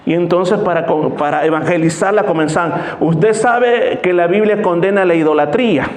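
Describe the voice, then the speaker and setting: A man's voice: sits high, moderate pace, a little mellow. A pastor delivers a sermon. He tells stories and slips into the voices of the people in them as he goes. The sound carries the echo of a church hall. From El Salvador. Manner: storytelling, acts out voices in anecdotes.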